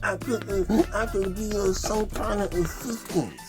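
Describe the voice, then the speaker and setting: A man voicing a streetwise young male puppet, muffled and lisping, with slangy, relaxed banter and music behind. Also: high-pitched, a little slow, pitched above the performer's own voice. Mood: joking.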